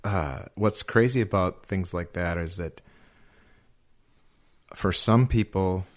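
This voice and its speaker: Low-voiced man musing in conversation. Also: slow. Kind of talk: casual ministry podcast discussion.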